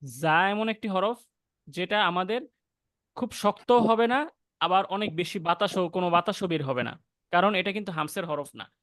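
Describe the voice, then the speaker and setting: A young man with a high, light voice and a Bangladeshi Bengali accent teaches Quran recitation in a patient, step-by-step way. He breaks off now and then to sound out letters softly. The recording is dry and close, with no room sound. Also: no room sound. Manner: explains patiently, then recites verses slowly and drawn out; demonstrates soft breathy letter sounds. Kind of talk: online class lesson with slow recitation.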